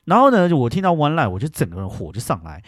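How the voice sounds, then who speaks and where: A man hosting a podcast, telling a story in casual chat, animated and breaking into loud indignant bursts. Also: medium pitch, fast, no echo, clean studio sound. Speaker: podcast host.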